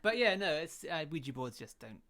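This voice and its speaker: A podcast co-host speaking in casual chat. The voice sits at a middling pitch, and the delivery is explanatory and opinionated. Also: big pitch swings, fairly quick, fairly bright tone. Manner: explanatory, opinionated, laughs easily. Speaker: podcast co-host and film reviewer.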